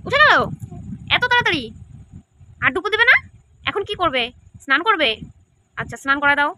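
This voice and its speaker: A woman's voice: extremely high pitch, big pitch swings, fairly quick, bright, forceful tone, a little hiss or hum. A woman playing with a small child, using coaxing, sing-song baby talk full of questions. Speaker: caregiver playing with a toddler.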